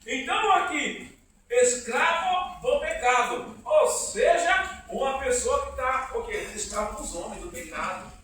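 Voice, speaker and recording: A man preaching an informal church sermon, animated and quizzing the congregation. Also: very high voice, unhurried. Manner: animated, asks the congregation questions, acts out quotes. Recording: echoey room from far off, faint noise.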